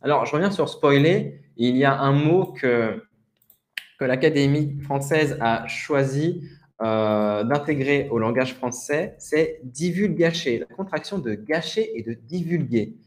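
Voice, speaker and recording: A man teaching a live webinar lesson, relaxed and chatty, often laughing. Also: mid-range voice, unhurried. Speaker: French teacher.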